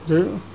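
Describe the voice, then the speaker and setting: A man's voice: dark tone, muffled recording, a little hiss or hum. A man, a spiritual teacher giving a discourse who tells stories and acts out exchanges. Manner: storytelling, acts out exchanges, chuckles.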